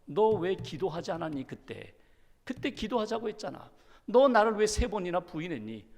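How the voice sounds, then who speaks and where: A man voicing Jesus as a gentle, forgiving figure, speaking softly and low. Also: big pitch swings, moderate pace. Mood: chiding. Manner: soft, low and intimate. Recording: long hall reverb.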